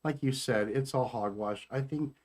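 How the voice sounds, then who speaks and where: A man's voice: mid-range voice, moderate pace. Chatty man co-hosting a fan podcast. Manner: animated, trailing off with fillers. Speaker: podcast co-host. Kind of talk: casual chat.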